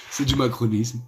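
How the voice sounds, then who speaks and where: Slow-talking playful man streaming. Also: medium pitch, a little hiss or hum. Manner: playful, rambling, teasing the viewers. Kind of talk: casual live stream chat.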